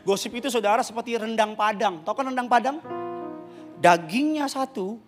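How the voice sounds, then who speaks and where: A male pastor preaching a sermon in a humorous, conversational way, with loud outbursts at times. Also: sits high, normal speed, faint music behind. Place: church service.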